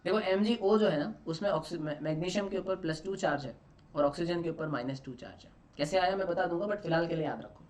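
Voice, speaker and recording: A male chemistry teacher gives an exam-prep lesson, his voice sitting a little high for a man. He fires a question at the class and answers it himself, letting the final word sink low and quiet. He slips English phrases into his explanations and hammers the same key terms again and again. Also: quick pace. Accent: Marathi-influenced Indian. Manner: final answer words drop low and soft. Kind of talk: online exam-prep lecture.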